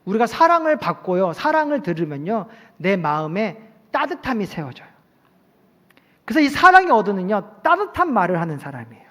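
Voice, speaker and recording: High lively voice of a preaching man. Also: fairly quick. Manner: animated preaching, acting out short everyday quotes. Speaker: pastor. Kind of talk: sermon. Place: church sanctuary at a night service. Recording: long church hall reverb.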